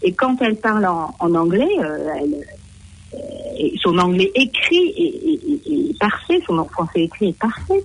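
A woman's voice: mid-range voice, sing-song, moderate pace, gravelly, low-quality recording. A middle-aged woman from France, living abroad, talking casually with many fillers and restarts. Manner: chatty, hesitant, frequent fillers and restarts. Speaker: French woman living in New Zealand. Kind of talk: casual conversation.

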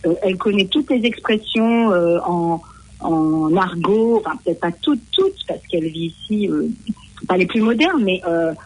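A woman's voice: lowish voice, animated, moderate pace, a little mellow, dry recording, rough recording. A middle-aged woman from France, living abroad, talking casually with many fillers and restarts. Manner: chatty, hesitant, frequent fillers and restarts. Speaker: French woman living in New Zealand. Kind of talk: casual conversation.

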